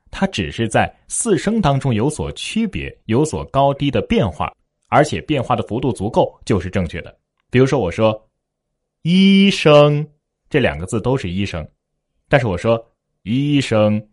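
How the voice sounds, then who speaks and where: A man's voice: on the low side, slightly rough, no room sound, studio quality. A man teaching Mandarin pronunciation, explaining the tones and demonstrating them aloud in repeat-after-me drills. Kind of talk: spoken lesson with demonstrations.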